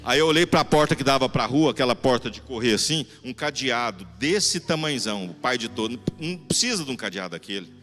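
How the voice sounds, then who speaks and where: A man with a Goiás accent preaching in a church, telling a testimony in an animated, conversational way to the congregation. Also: medium pitch, brisk, hardly any pauses. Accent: Goiás Brazilian Portuguese. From Goiás, Brazil. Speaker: guest preacher. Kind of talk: sermon testimony storytelling. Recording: church hall reverb, faint music.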